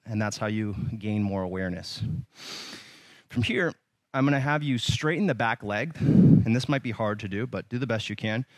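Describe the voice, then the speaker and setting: A man leading a yoga workout, giving calm, encouraging cues with light humor and sometimes slightly out of breath. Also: fairly low pitch, no echo. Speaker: yoga instructor. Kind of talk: guided yoga class instruction.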